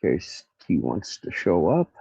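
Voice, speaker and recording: A man hosts a casual, rambling true crime livestream from an outdoor carport in the country, pausing to look things up while crickets and cicadas chirp. His voice is low and nasal yet warm, gravelly and husky, swooping wildly in pitch as he speaks a little slowly. The audio is dull with no echo.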